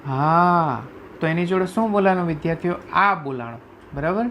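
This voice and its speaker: Teacher checking "right?" often. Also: male voice, sits high, a bit bright, a little hiss or hum. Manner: repeatedly checks understanding with "right?"; spells out letters slowly one by one. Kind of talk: classroom lecture explaining Sanskrit phonetics.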